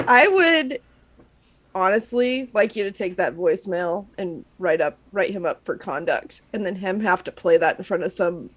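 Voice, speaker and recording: A woman's voice: on the low side, moderate pace, few pauses. Wry woman podcast co-host. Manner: wry, explanatory, laughing. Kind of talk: casual chat.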